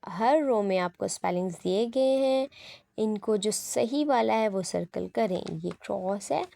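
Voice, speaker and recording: A woman teacher with a Pakistani accent explains an English textbook exercise, reading the instructions slowly and spelling words letter by letter. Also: medium pitch, gravelly, dark tone. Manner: reads English instructions slowly, then explains in Urdu-Hindi.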